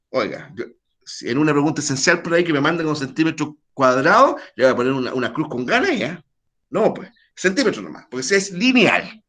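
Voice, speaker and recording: Lively man teaching math online. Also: fairly high pitch. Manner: quizzes students, chatty asides. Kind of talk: virtual math class.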